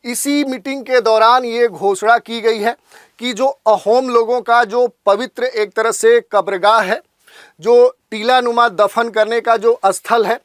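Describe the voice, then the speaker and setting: A lecturer giving a steady explanatory lesson for exam preparation, often restating points with filler phrases. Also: medium pitch, no room sound, studio quality.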